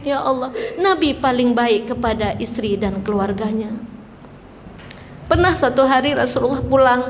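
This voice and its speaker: A high-voiced middle-aged woman preaches to an audience in an animated way. She slips in English phrases and acts out husbands and wives. Her voice carries a long echo from a large hall. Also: slight background noise. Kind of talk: lively religious talk to an audience.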